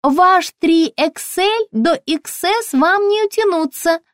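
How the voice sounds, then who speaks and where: A chirpy, relentless young shop assistant chatters in a high, ringing voice, as a woman reading an audiobook puts her on. Her lines bounce up and down lively, close and dry. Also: slow, dry recording, full character voice.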